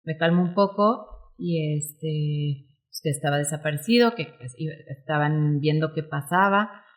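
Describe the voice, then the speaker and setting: A woman in her forties with a Mexican Spanish accent, a guest telling her story in an interview, animated and acting out quoted dialogue. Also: low-pitched, measured pace. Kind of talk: emotional personal storytelling interview.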